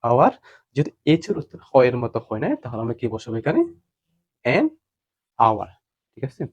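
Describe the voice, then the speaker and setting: A man's voice: medium pitch, big pitch swings, a little fast, darkish tone, husky. A man teaching a grammar lesson, asking questions and answering them himself.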